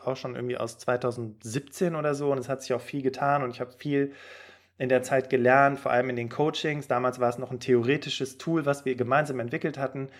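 A man hosting a podcast as a career coach, giving job-interview advice in a lively, direct way with fillers. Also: mid-range voice.

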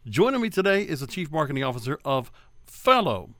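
A man hosts a radio interview with quick, upbeat phrasing. His voice sits a little high, and the sound is dry and close. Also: sing-song, a bit bright, no echo. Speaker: radio show host.

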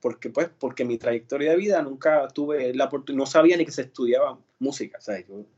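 A man's voice: mid-range voice, brisk, a little mellow, husky, muffled recording. A Puerto Rican man, an actor and singer, telling his story in a casual interview with many fillers and restarts. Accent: Puerto Rican Spanish. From Puerto Rico.

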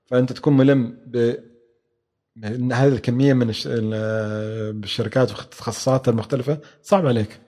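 A man's voice: medium pitch, fairly even intonation, a little fast, warm tone. A man answering interview questions, with many hesitations and restarts. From Oman. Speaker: guest, venture capital expert.

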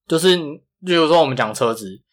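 A man with a marked Taiwanese Mandarin accent and flat, non-retroflex consonants, chatting casually as a podcast co-host. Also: a little high, normal speed. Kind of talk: casual chat.

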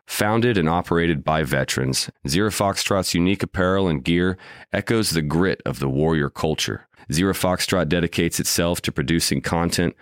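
Super deep guy doing a rugged ad read, dry sound. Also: dry recording. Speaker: ad announcer. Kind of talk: scripted ad read.

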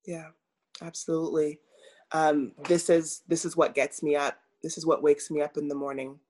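A woman coach speaking as an interview guest, measured and earnest, pausing often with fillers. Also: deep voice, little pitch movement, a little mellow. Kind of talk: reflective interview talk.

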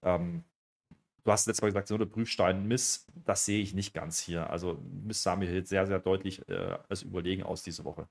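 A man's voice: low-pitched, steady tone, normal speed, vocal fry. A man co-hosting a casual wrestling review podcast, chatty and full of hesitant fillers.

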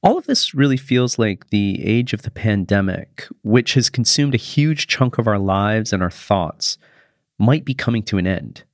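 A man's voice: on the low side, animated, normal speed, dry recording, clean studio sound. A man hosting a news podcast, asking a guest short, plain questions about the week's headlines. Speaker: podcast host.

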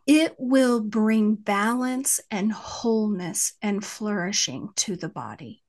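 A woman with a West Texas twang, speaking as an interview guest in a thoughtful, halting way as she searches for words. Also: medium pitch, darkish tone. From West Texas, United States. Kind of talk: reflective interview conversation about faith.

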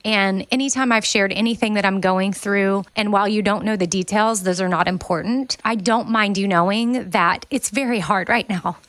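A woman's voice: medium pitch, normal speed, few pauses, a bit bright, dry recording. Candid woman hosting a podcast, dry sound. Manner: candid, heartfelt and conversational. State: emotional, voice near tears at times. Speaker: podcast host. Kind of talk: casual podcast monologue.

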